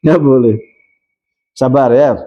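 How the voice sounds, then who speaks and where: A man's voice: medium pitch, takes it slowly. A man teaching a moral lesson on good manners, acting out little quoted scenes as he goes. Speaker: Islamic religious teacher. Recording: dull lo-fi recording.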